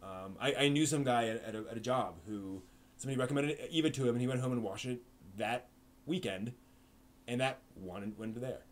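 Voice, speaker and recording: Speaking at a medium pitch and a fairly quick pace, a man hosting a live stream casually answers viewer questions. He rambles, often filling pauses and restarting his sentences.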